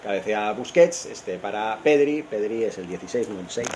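Commentating on football for an online radio stream, this man from Spain improvises casually, giving strong opinions, thinking aloud and correcting himself, with a Spanish accent. His voice is fairly low and darkish, his intonation lively, his speed normal, over a little hiss or hum.

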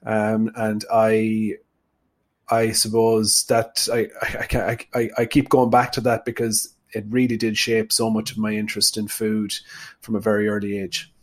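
A man's voice: lowish voice, completely flat delivery, unhurried. A man with a west of Ireland accent speaking conversationally as an interview guest, thoughtful and often rephrasing himself. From Sligo, west of Ireland. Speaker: podcast guest, performance nutritionist.

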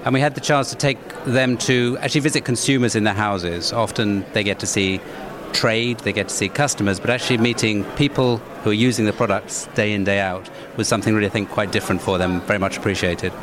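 A man's voice: fairly low pitch, fairly even intonation, fast talker. Businesslike man interviewed amid crowd noise. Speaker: investor relations executive, interviewee. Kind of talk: interview answers, corporate explanation. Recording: busy crowded event, background chatter.

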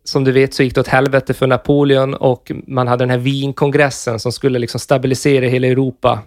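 Male podcast co-host, mid pitch, easygoing explainer, dry sound. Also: no echo. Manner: explanatory, relaxed, swears casually. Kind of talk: casual podcast chat.

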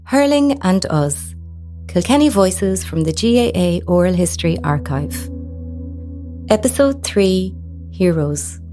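Woman narrator, low mellow voice, faint music behind. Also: expressive, slow pace. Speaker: podcast narrator. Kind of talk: scripted narration.

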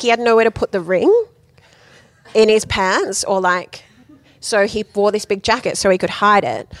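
A young woman telling a story in casual podcast chat, full of "like" and quick laughs. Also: mid-range voice, fairly bright tone, no room sound. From Australia. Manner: chatty storyteller, many likes and laughs. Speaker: guest.

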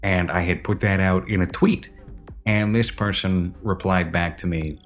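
A man's voice: sits low, steady tone, unhurried, faint music behind. A man hosting a podcast, rambling and opinionated in casual film review chat, recorded with reverb in an empty basement. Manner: rambling, opinionated, self-correcting. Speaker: podcast host.

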